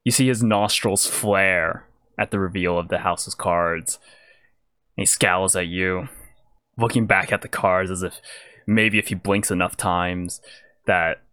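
A man narrating a tabletop game as game master, describing scenes in relaxed detail with frequent fillers. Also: low-pitched, slow pace, clean tone, dry recording.

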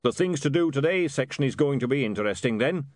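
A man voicing a blunt, sardonic dwarf with a deadpan delivery. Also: medium pitch, fast talker, dry recording, clean studio sound, voice pushed up, close to an everyday voice.

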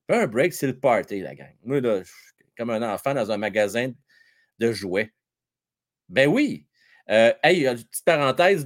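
A man with a Québécois French accent hosting a hockey livestream, chatting and joking with his viewers in an excitable way. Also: mid-range voice. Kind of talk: casual live chat with viewers.

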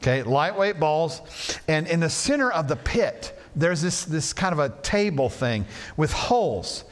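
A man's voice: a little high, big pitch swings, unhurried. A male pastor preaching a sermon in a church, telling a story with playful asides. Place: church sanctuary.

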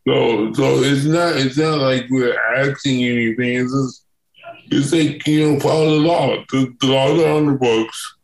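A man's voice: medium pitch, steady tone, measured pace, reverberant, poor audio. A man from Buffalo, New York, a guest on an interview podcast, talking emphatically and repeating words as he restarts. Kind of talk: conversational interview.

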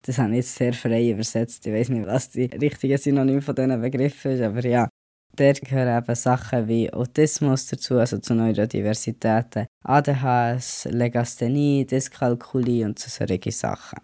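A man's voice: medium pitch, normal speed, dark tone, dry recording, studio quality. A young man who has a cold, hosting a casual solo podcast and rambling on with English words mixed in. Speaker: podcast host.

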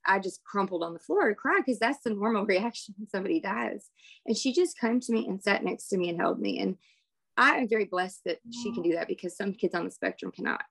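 A woman's voice: mid-range voice, lively intonation, brisk, gravelly, fairly bright tone, husky. A middle-aged woman, a parent guest in a casual conversation, speaking candidly with rambling stories and laughter.

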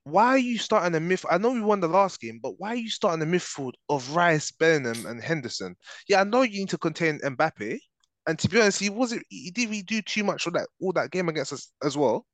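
A man's voice: fairly high pitch, animated, fairly quick, a bit bright, no echo. A young man with an urban London street accent, arguing about football in a slangy, emphatic, sweary way. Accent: London, urban street style. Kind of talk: heated casual football debate.

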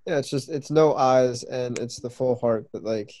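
A man's voice: mid-range voice, normal speed, mellow. A young man who is a guest on a podcast, chatting casually and asking lots of questions. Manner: easygoing, asks lots of questions. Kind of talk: casual chat.

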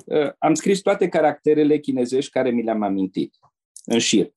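An older man from Romania, a former diplomat and interpreter, telling anecdotes in a relaxed way and turning to the listener with asides. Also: medium pitch, slight background noise. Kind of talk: anecdotal storytelling.

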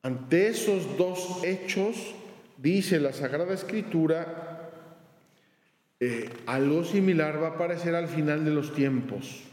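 A male priest giving a homily with slow, earnest storytelling. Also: a little high, darkish tone. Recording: roomy church reverb.

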